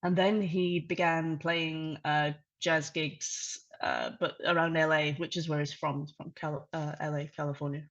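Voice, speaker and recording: A woman speaks in a lowish voice, presenting to an audience over a video call. She talks conversationally, with plenty of fillers and restarts. The audio is a bit dull and lo-fi. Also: level tone, measured pace, few pauses, fairly bright tone. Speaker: conference speaker.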